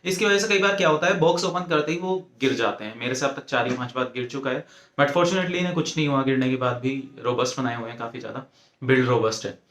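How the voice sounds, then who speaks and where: The sound is echoey and roomy as a man with an Indian accent walks through an earphone review. Informal yet methodical, he covers each point in turn and mixes in English phrases. His mid-range voice moves fast with a fairly bright tone.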